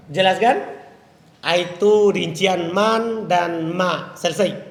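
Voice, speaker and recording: A male teacher giving a live lecture on Arabic grammar. He recites Arabic phrases slowly and drawn out, and quizzes his listeners with questions that he then answers himself. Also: high-pitched, a bit bright. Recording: echoey room with long reverb.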